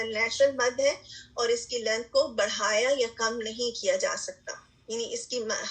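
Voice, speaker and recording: A woman's voice: fairly high pitch, poor audio. A woman teaching a recitation lesson, explaining step by step and often checking in with her students. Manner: patient explaining, frequent "theek hai" check-ins, English terms mixed in. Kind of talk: online lesson lecture.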